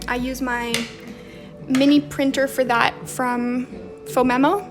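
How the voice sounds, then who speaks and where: A young woman with a light Romanian accent reads her viewers' comments aloud and answers them during a relaxed journaling livestream. She talks slowly in a high-pitched, level tone. Music plays faintly behind her.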